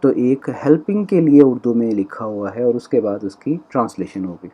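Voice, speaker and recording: A male language teacher giving a recorded lecture, explaining step by step and slowly repeating example sentences. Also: medium pitch, animated, warm tone.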